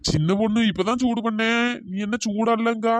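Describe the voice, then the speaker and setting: A voice actor playing a tall, exasperated husband in a comic cartoon, bickering and then pleading through a pitch-shifted cartoon voice. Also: steady tone, fairly quick, dry recording. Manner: scolding, then fawning and pleading. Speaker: cartoon character.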